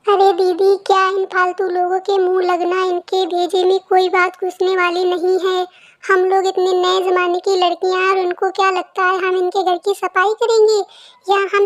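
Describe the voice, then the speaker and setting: A woman voicing a scornful young city daughter-in-law. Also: extremely high pitch. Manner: scornful, sneering. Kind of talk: cartoon voice-over.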